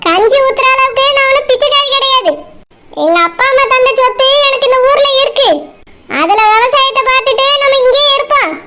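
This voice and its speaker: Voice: very high-pitched, brisk, bright, forceful tone. A performer voicing a reproachful young wife, speaking sharply. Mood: scolding.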